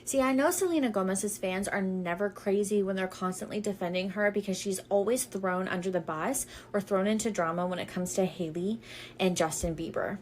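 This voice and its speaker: A woman's voice: mid-range voice, brisk, darkish tone, slight background noise. A woman giving casual opinion commentary in a catty, scolding and emphatic way.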